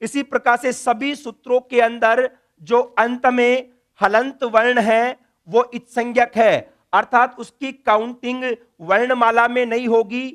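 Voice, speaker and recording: A man's voice: very high voice, level tone, measured pace, a bit bright. A man teaching Sanskrit grammar in a classroom lecture, drilling letters one by one and answering his own questions.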